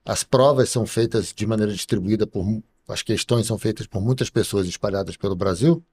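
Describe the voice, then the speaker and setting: A middle-aged man with a somewhat low voice speaks as a professor guest on a podcast. He explains at an unhurried pace, pausing often and checking in with small tag questions. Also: darkish tone, slightly rough. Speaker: computer science professor guest. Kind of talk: podcast interview.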